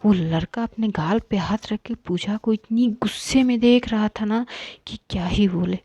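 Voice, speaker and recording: Warm-voiced woman telling a story. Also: medium pitch, moderate pace, breathy edge, no room sound. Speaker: narrator. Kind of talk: storytelling narration.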